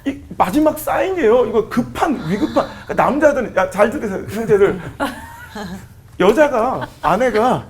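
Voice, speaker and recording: A middle-aged man from the Chungcheong region, a pastor telling lively, laughing stories and acting out quoted lines on a church talk show. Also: extremely high pitch, normal speed, a little hiss or hum. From Chungcheong region, South Korea. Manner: animated, laughing storytelling that acts out quoted lines.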